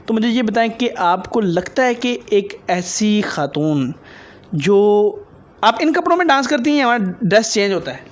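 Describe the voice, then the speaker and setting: A man's voice: high-pitched, very animated. A man interviewing a dancer for his video, probing her and lecturing her on religion and morals.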